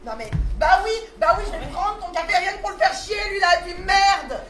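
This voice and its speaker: A woman's voice: extremely high pitch, animated, a little fast, over music. A woman playing a frantic young female student whose thesis is ruined, exasperated and dramatic, swearing on an amateur stage. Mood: scornful. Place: indoor theatre stage. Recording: roomy stage sound with faint noise.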